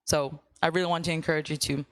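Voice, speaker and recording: A young Ukrainian woman with a deep, steady voice talks fast as a guest speaker at a church class. Her casual talk is full of fillers and upbeat asides, and there's no echo.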